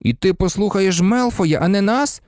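A man voicing a blunt teenage schoolboy who is quick to take offence. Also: high voice, animated, a little mellow, smooth, dry recording, clean studio sound, voice pushed up. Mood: indignant. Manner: blunt, indignant.

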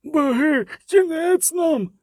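A man voicing a cowardly ferryman who yells in panic, high and strained. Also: slow pace, dry recording, studio quality. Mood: panicked.

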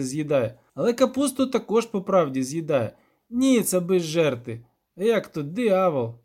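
A man voicing a gruff, hesitant peasant village elder who rambles in folksy country speech. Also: on the high side, dark tone, pitched above the performer's own voice.

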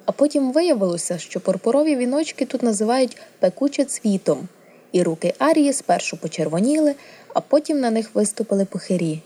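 A woman reading a storybook aloud as narrator, with a steady, even storytelling delivery. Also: a little high, a little fast. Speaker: audiobook reader. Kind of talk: scripted narration.

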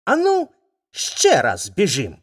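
A woman putting on a high, swooping storybook hare. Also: wildly swooping pitch, slow pace, full character voice. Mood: furious. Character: boastful male hare, quick to anger.

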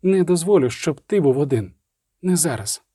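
A man voicing an adult sorceress who talks in a cold, mocking way and grows heated, pitched well above his own voice. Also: animated, warm tone, breathy edge, no room sound, studio quality. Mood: tender. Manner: mocking, fast and rising.

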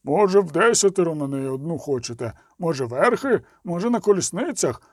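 A man voicing a small burgomaster with a booming bark who scolds sarcastically. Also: animated, brisk, darkish tone, slightly rough, no room sound, studio quality. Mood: scolding.

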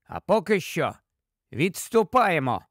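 A loyal woodland creature speaks firmly and decisively, as a man voices him. The voice is high-pitched and gravelly, with a close, dry sound. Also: wildly swooping pitch, takes it slowly, fairly bright tone, no echo, exaggerated voice. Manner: firm, decisive.

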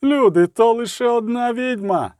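A man's voice: extremely high pitch, moderate pace, darkish tone, no echo, clean studio sound, pitched above the performer's own voice. A man voicing a hateful male rabble-rouser in a mob, with a ringing metallic voice, in an audiobook. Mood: hateful shouting. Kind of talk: audiobook character voice.

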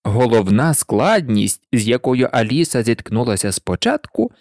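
A woman narrating a storybook audiobook in an expressive storytelling manner on a close mic. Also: very deep voice, moderate pace, no room sound.

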